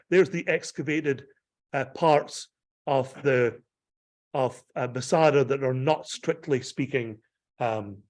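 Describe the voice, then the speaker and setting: A Scottish pastor gives a rambling slideshow talk about a pilgrimage, peppered with ums and restarts. His voice is mid-range with a darkish tone.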